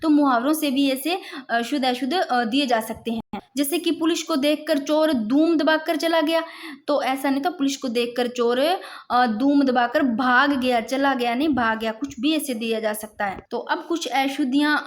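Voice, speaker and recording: Casting: woman, high voice, exam-coaching grammar teacher, patient and repetitive. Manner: explanatory, repeats points, addresses students as "bhai". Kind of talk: exam-prep grammar lesson.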